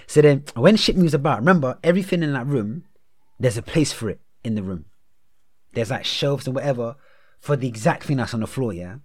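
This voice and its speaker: A man's voice: medium pitch, animated, brisk. A young man in his twenties with a London roadman accent, chatting casually in heavy slang and tagging phrases with "innit" and "yeah". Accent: London, urban roadman slang style. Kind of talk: animated casual chat.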